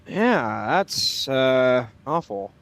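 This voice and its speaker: A man's voice: mid-range voice, very animated, very slow, a bit bright. A man livestreaming a flight simulator, talking casually and hesitantly as he thinks aloud. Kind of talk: casual livestream commentary with pilot radio calls.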